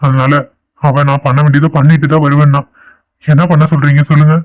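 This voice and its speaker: A man's voice: a little high, level tone, fairly quick, close to an everyday voice. A man voicing an exasperated grown son in a cartoon, talking firmly. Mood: weary. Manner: firm, exasperated. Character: exasperated grown son dealing with family quarrel. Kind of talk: cartoon voice acting.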